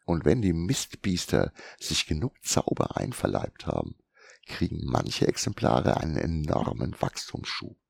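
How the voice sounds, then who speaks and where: A man voicing a gruff, shrewd old male bookseller who grumbles and lectures, in an audiobook. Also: very deep voice, huge pitch swings, measured pace, dry recording, clean studio sound, full character voice. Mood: lecturing. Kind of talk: audiobook character reading.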